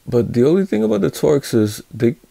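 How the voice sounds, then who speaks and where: A man's voice: medium pitch, very animated, a little fast, gravelly, warm tone, no room sound. A man casually reviewing a set of hand tools, speaking hesitantly with many fillers and restarts. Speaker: tool reviewer. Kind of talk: casual hands-on product review.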